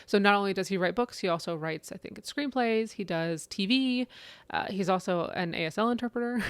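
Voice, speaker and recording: A woman's voice: medium pitch, brisk, clean tone, no room sound. A woman in her late thirties co-hosting a podcast, chatting casually about books, with lots of "like" and "right?". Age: 30s. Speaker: podcast co-host. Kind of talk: casual book chat.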